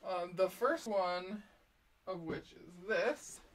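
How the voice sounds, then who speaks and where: A woman with a fairly low, slow voice hosts a casual live stream from her art studio, with slight background noise audible. She laughs often, is giggly and self-deprecating, and fumbles with her gear: a laptop, a DSLR and a chest-mounted webcam.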